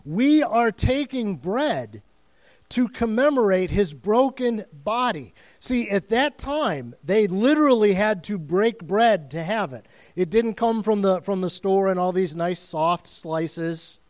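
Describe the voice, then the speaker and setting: A man's voice: high voice, lively intonation, takes it slowly. A man preaching a communion sermon as the church's student and family pastor, speaking earnestly and emphatically with frequent restarts.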